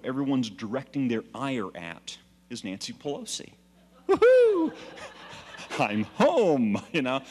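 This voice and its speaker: A low-voiced man rallies a meeting with an energetic, storytelling delivery. His words ring out with a long reverb tail, as if spoken in a hall. He presses his listeners with urgent, exhorting phrasing. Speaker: political activist speaker. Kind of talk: speech to a political group. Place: meeting room.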